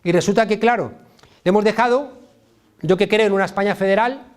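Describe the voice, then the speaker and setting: Brisk and high-voiced, a middle-aged Spanish professor of political science gives a fervent public lecture. His Spain Spanish accent comes through alongside emphatic, colloquial repetition.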